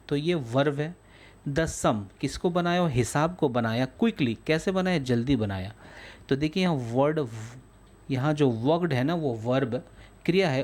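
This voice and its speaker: A man's voice: mid-range voice, a little mellow. A man teaching English grammar in a lesson, patiently reading out English definitions and explaining each one in Hindi.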